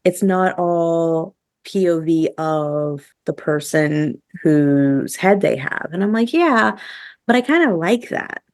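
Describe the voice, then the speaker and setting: In a relaxed review chat among co-hosts, this woman podcast host speaks chattily and with firm opinions, peppering her talk with "like." She has a low, expressive voice and a slow pace, recorded in clean studio sound without echo.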